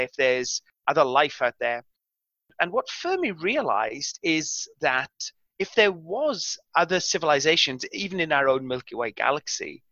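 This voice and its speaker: Bright-toned man, dry lo-fi sound. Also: mid-range voice, no room sound. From South Wales. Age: middle-aged. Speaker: guest astrophysicist. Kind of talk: relaxed explanatory interview talk.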